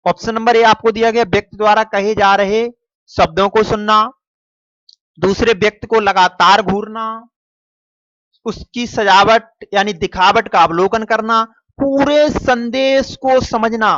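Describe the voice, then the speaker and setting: Man, teacher, exam paper walkthrough, calls students dear children, drawn-out answers, dry lo-fi sound. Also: high voice, steady tone, fairly bright tone, dry recording. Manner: repeats and stretches answers slowly; mixes English phrases into Hindi. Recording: dull, dry lo-fi recording.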